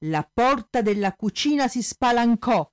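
A woman narrating a comic fairy tale in a lively, measured storytelling manner. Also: fairly high pitch, dry recording, studio quality.

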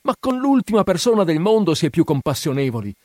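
A man reading aloud, voicing a heartbroken, desperate young woman who pleads in high, anguished cries. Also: big pitch swings, normal speed, dark tone, dry recording, clean studio sound.

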